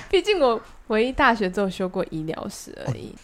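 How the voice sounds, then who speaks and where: A woman's voice: a little high, moderate pace. A young woman with a Taiwanese Mandarin accent, co-hosting a podcast and telling a long story in casual chat, acting out the other people's lines. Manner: chatty, animated anecdote telling with quoted dialogue. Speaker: podcast co-host.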